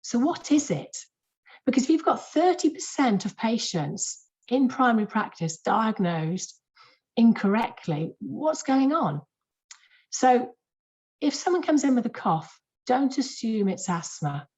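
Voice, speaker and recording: A woman, a clinician, giving a lively and emphatic webinar lecture to health professionals in a conversational way, repeating words for stress. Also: a little high, unhurried. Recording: muffled lo-fi webinar audio.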